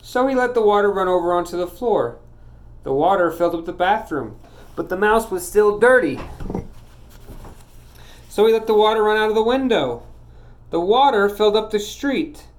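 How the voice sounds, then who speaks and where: A man reading a children's storybook aloud, steady and clear. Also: high voice, moderate pace, long pauses.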